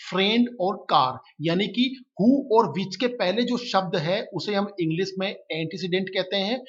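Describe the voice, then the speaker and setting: A man teaching English grammar in a patient lesson, repeating his points and reading example sentences slowly. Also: high voice, muffled recording. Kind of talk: lesson explaining grammar in Hindi.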